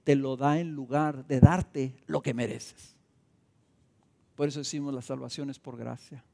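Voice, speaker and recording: Pastor preaching in an echoing hall. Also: male voice, mid-range voice, fairly even intonation, measured pace, gravelly, darkish tone. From Mexico. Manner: preaching with emphatic bursts and rhetorical questions. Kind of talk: sermon. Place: church sanctuary. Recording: reverberant church hall.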